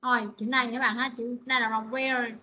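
A woman's voice: fairly high pitch, level tone, a little fast, bright, forceful tone, lo-fi sound. A woman teaching an online English pronunciation class, repeating phrases and calling on students by name.

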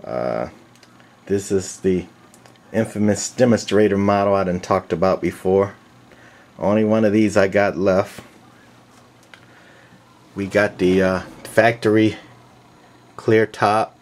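Speaking in a fairly low, slightly mellow voice, a man who collects vintage radios talks through a piece of equipment without a script. His delivery is plain and halting, broken by pauses, recorded in a small room on a handheld camcorder's own microphone.

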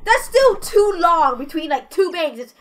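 An excitable woman talking through a detective game with a friend, her voice very high and swinging up and down a lot. She laughs and swears freely. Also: measured pace. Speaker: let's play host. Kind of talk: casual game commentary.

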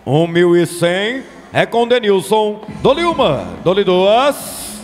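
A man's voice: high voice, sing-song, takes it slowly. A Brazilian man working as an auctioneer, calling bids in repetitive, insistent chants. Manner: repetitive, insistent selling patter. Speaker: livestock auctioneer. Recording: long hall reverb, music behind.

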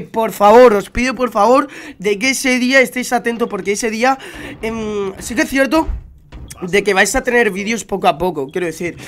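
A young adult gaming YouTuber from Spain, speaking with a Spanish accent, chats slangily to his viewers during casual gameplay commentary at his home gaming setup, using a headset mic. His very high-pitched voice has a fairly bright tone, and he sounds a bit stuffed up from a cold.

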